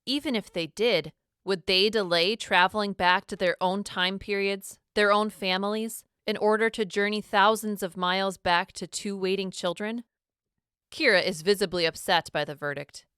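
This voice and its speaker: A woman narrating a storybook in an expressive, dramatic reading style. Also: medium pitch, moderate pace, clear, resonant tone, no echo, studio quality.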